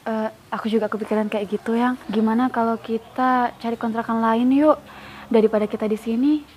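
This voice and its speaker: An actress playing a poor, meek wife who speaks softly and apologetically to her husband in a web drama. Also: on the high side, fairly even intonation, fairly quick, a little hiss or hum, close to an everyday voice. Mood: hopeful. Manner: soft, apologetic.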